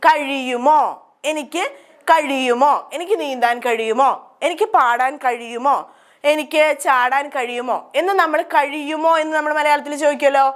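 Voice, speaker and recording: A woman's voice: sits high, moderate pace. A woman with a Malayali accent teaching English grammar, asking questions and answering them herself. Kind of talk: grammar lesson explained in Malayalam.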